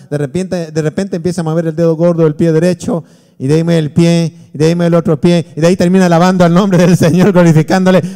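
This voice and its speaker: A pastor with a high voice preaches to his congregation with lively, theatrical delivery. He acts out what people say in his stories. His voice rings with a long reverb through the church hall. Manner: animated preaching with acted-out quotes. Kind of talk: sermon.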